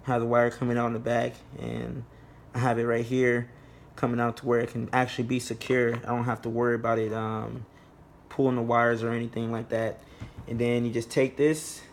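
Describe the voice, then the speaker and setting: A man presents a DIY tutorial in an informal, plain-spoken way. His delivery stays flat and even at a middling pitch. There is faint background noise in the amateur recording. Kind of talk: casual how-to narration.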